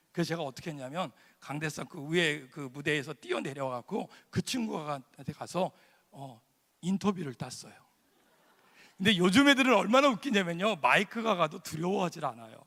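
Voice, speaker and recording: A male pastor preaching a lively sermon, telling stories, shouting some lines and quizzing the congregation. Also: high voice, vocal fry. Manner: animated storytelling, shouting lines, asking the congregation. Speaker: guest pastor. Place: large church sanctuary. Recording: long church hall reverb.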